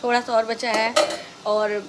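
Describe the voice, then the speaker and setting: A home vlogger and mother, filming indoors, chats with viewers about her day and periodically addresses her small child in sing-song baby talk. Her fairly high voice shows little pitch movement and moves a little slowly, on a very noisy recording.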